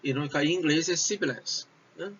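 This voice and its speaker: A man teaching a recorded video lesson, talking slowly and hesitantly with many fillers and switching between Portuguese and English. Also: a little high, a bit bright. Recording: dull lo-fi with faint noise.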